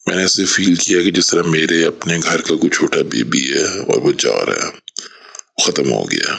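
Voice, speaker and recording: Very deep gravelly guy, husky, heartfelt voice message. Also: fairly bright tone. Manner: earnest, heartfelt, mixes in English words. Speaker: caller sharing a personal story. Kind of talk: voice message, emotional testimony.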